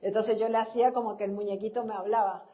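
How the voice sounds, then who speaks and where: A middle-aged Chilean woman, a pastor's wife and church speaker, delivers a conversational sermon built on personal stories, laughing at her own anecdotes and tagging sentences with a questioning "¿no?". Her voice is medium-pitched and mellow, with fairly even intonation and a fast pace.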